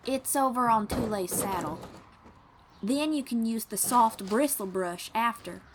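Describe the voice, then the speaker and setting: An unhurried, fairly high-pitched woman lightly acts out a kind, patient young bard in an audio roleplay, encouraging the listener with folksy, gentle instruction. A little hiss or hum can be heard.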